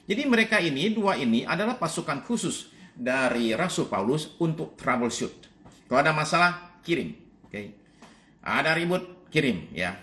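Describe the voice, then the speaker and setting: A male pastor giving a conversational sermon, reading Bible verses aloud and explaining them in a chatty, informal way, often checking in with the congregation. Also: a little high. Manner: lively, chatty preaching, often asks "Oke?".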